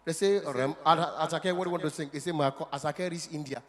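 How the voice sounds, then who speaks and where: A practised showman with a Nigerian accent does stand-up comedy before a crowd in a big venue, mixing Pidgin into his playful routine. His voice is on the high side and quick. Background noise and stage reverb come through in the recording.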